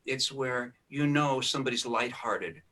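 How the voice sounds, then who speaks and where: A man's voice: medium pitch, a little slow, pushed and bright. A man guesting on a podcast, casually telling rambling stories about recording sessions and thinking aloud as he goes. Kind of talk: casual storytelling conversation.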